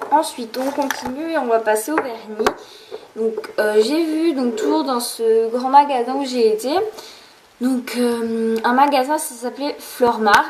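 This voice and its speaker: A woman's voice: a little high, unhurried, background noise. A young woman chatting through a beauty haul in a casual vlog, rambling with lots of fillers and restarts. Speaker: beauty vlogger.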